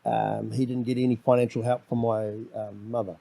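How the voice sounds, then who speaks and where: In a casual podcast conversation, a middle-aged guest with a New Zealand accent dominates loudly, rambling and repeating words at the start of his sentences. His mid-range voice is creaky and fairly flat in pitch, at a moderate pace, with no room sound.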